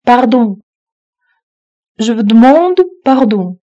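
Female phrasebook reader, slow and even, mellow tone, lo-fi dull recording. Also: fairly high pitch. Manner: reads each phrase twice, evenly. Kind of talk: slow repeated phrasebook reading.

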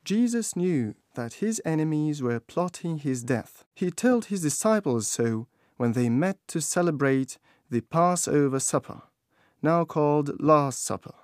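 A man narrating a scripted storybook in a calm, even way. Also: a little high, a little slow, dry recording, clean studio sound.

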